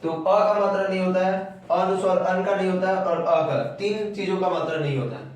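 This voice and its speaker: High-voiced male teacher in an echoey room. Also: far from the mic. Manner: explanatory, repeats key terms, slows to spell out sounds. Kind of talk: classroom grammar lesson.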